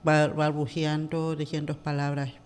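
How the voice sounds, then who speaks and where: Woman guest, hesitant and halting, heavy on fillers. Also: deep voice, completely flat delivery, darkish tone, smooth. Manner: hesitant, many fillers and restarts. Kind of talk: casual interview talk.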